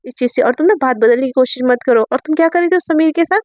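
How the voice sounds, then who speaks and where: A stern woman teacher who scolds in an exasperated way and is easily embarrassed, as a woman narrator puts her on. Her voice is high. The recording is dry, with no echo. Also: rapid-fire, a little mellow, close to an everyday voice. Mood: scolding.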